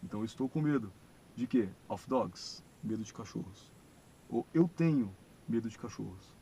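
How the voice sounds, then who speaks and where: A Brazilian man with a gravelly, dark-toned voice teaches a community English lesson on video in a church classroom. Speaking Portuguese with lively intonation, he explains patiently and slows down to pronounce each English phrase clearly. The audio is poor, with a faint low rumble beneath his voice.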